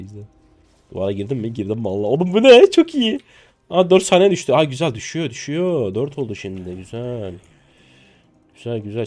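Commenting live on his own play, this streamer is a Turkish man in his twenties. He keeps things excitable and full of jokes, swearing casually and yelping in sudden high bursts.

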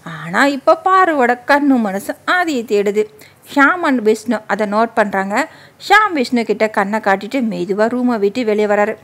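A woman's voice: on the high side, lively intonation, a little slow, fairly bright tone. A woman narrating a serialized story in a casual reading style, mixing in English words and voicing every character's lines in her own voice.

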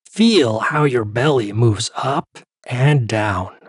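A man voicing a calm male therapist who talks a patient through breathing exercises in a story reading. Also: medium pitch, slightly rough, no echo, studio quality. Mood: soothing. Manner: slow, soothing instructions.

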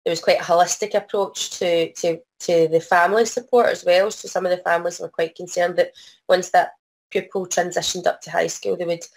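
Croaky Scottish woman, fairly even pitch. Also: brisk, rough recording. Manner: hesitant, apologetic, frequent self-interruption. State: has a cold. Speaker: presenter, arts organisation producer. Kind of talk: informal online presentation. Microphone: video call.

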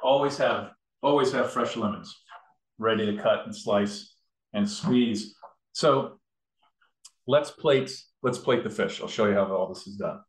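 Unhurried and lowish in voice, a man shows how to make a recipe, casually describing each stage with many fillers and restarts. The kitchen where he's recording is echoey.

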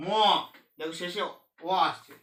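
A male teacher with a high, bright voice explains a lesson step by step. He goes slowly and repeats his key terms again and again. The room around him rings with echo. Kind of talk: recorded classroom lesson.

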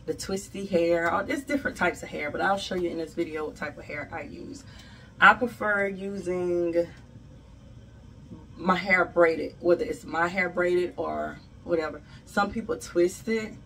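A woman's voice: fairly low pitch, fairly bright tone, a little hiss or hum. An American woman in her thirties giving a casual, chatty tutorial. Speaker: hair tutorial host. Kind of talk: casual instructional chat. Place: small home bathroom, indoors. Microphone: camera a short distance away. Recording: voice distant from the mic.

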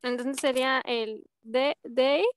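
A woman's voice: high-pitched, fairly even intonation, takes it slowly, smooth. A woman student answering hesitantly in a class, trying out tentative answers.

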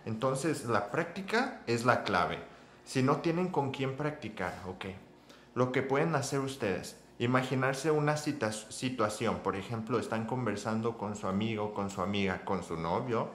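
A man giving a casual spoken language lesson to his viewers, chatty and encouraging, often checking in with a quick "ok?". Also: mid-range voice, expressive, a bit bright, echoey room, slight background noise. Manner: chatty, addresses viewers as chicos and amigos, frequent ok. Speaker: English teacher.

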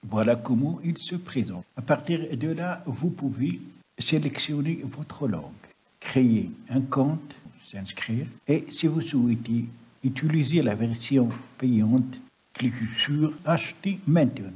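A man with a husky, rough voice narrating a step-by-step screen-recording tutorial. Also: medium pitch, animated, measured pace, darkish tone, low-quality recording. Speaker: software tutorial presenter. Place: voice-over on a computer screen recording.

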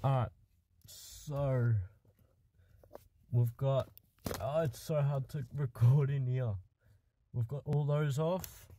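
A man's voice: mid-range voice, fairly even intonation, slow pace, pauses often, warm tone, slight background noise. A man narrating casually while working in a cramped car footwell, muttering and swearing as he goes. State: out of breath. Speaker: car project vlogger. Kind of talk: casual work-along narration.

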